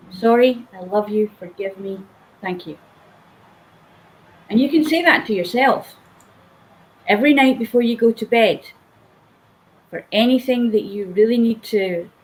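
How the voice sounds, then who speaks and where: A woman's voice: fairly high pitch, a little mellow, a little hiss or hum, rough recording. A woman speaking earnestly and emphatically in a motivational conversation, sometimes acting out the inner voices she describes. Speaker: guest speaker.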